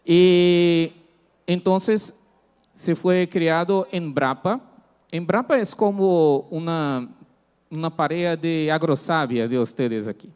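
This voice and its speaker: In a reverberant hall, a man with a fairly high voice presents to a conference. He is a native Portuguese speaker with a Brazilian accent, speaking halting Spanish blended with Portuguese. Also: a little mellow, far from the mic. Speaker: conference speaker, agribusiness researcher. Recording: echoey hall with long reverb.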